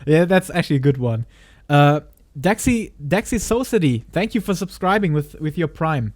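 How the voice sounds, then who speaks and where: A man's voice: a little high, expressive, normal speed, darkish tone, no echo, studio quality. A man streaming a reaction video, talking hesitantly with frequent restarts and laughs. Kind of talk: live stream reaction commentary.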